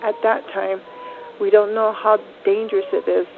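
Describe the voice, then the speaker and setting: A woman's voice: mid-range voice, level tone, normal speed, gravelly. Middle-aged woman on a tinny line. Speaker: community member interviewed. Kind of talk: personal recollection. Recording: tinny phone-like line with faint hiss.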